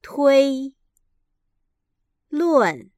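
Slow, precise woman reading drills. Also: sits high, very animated, a little mellow, no room sound. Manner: carefully enunciated, each syllable held apart. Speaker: language teacher reading drills.

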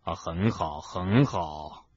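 Low, husky giant gamekeeper put on by a man narrating, weary, radio play, dull lo-fi sound. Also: slow, a little mellow, full character voice. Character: huge gruff male gamekeeper, hurt but brave.

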